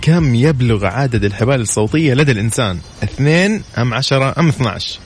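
A man's voice: mid-range voice, animated, fast talker, breathy edge. A man with a Saudi accent co-hosting a live radio show with playful banter. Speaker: radio co-host. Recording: radio broadcast, faint music behind.

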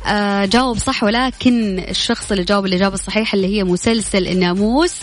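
A woman's voice: mid-range voice, steady tone, racing. A woman with a Hijazi Saudi accent, presenting a live radio quiz in a chatty, informal way, talking straight to her listeners. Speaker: radio quiz show host. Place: radio studio. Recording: music running behind the voice. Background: music.

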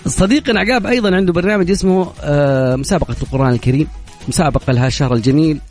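Fast-talking Saudi radio host man. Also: on the high side. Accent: Saudi Arabic. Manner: fast, jokey and chatty. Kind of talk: live radio quiz show with callers. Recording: radio studio with loud music bed.

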